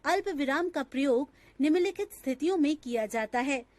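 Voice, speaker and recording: A woman narrating a scripted grammar lesson in a slow, measured, textbook-style reading. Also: high voice, lively intonation, a little mellow, dry recording.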